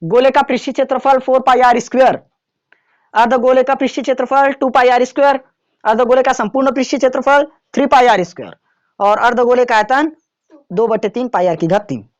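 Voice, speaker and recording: A man's voice: extremely high pitch, steady tone, a little fast, highs cut off. A man teaching a maths lesson to students in a classroom, in a casual way, often checking whether they have understood.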